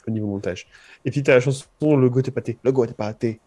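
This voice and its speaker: A young man talks music on a casual podcast, his voice mellow and soft-edged. He rambles and hesitates as he works through his analysis. He slips in joking asides without changing his easy pace. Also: mid-range voice, brisk. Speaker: podcast co-host.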